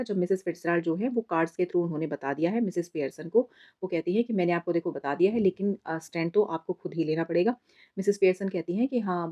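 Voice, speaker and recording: A woman teacher with a fairly low, warm voice gives an exam summary lesson, mixing Hindi and English. She explains patiently and calls her students "beta," on a slightly dull lo-fi recording.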